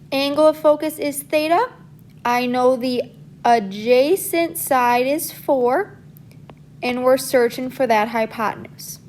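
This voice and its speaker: A woman's voice: a little high, a little mellow, a little hiss or hum. A woman teacher working through a math problem in a recorded lesson, explaining each step steadily as she writes.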